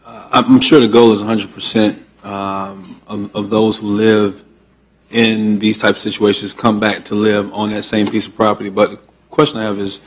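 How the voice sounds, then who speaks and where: Male commissioner, low even voice, halting earnest questions with restarts, public hearing. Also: husky. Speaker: county commissioner.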